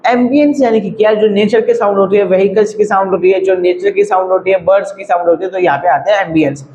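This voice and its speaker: A man's voice: sits high, steady tone, quick pace, background noise. A man teaching audio editing in a casual screen-recorded tutorial, chatty and repetitive. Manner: chatty, repeats "thik hai" and "bhai".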